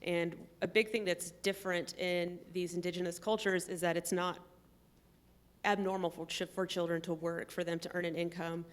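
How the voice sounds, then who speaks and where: A woman talks through the details in a measured, orderly way, pausing on frequent "um"s as she goes. Her voice sits fairly low and stays quite flat in pitch. The tone is smooth and clean. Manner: measured, explains step by step with frequent ums. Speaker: trip participant. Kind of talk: conversational explanation.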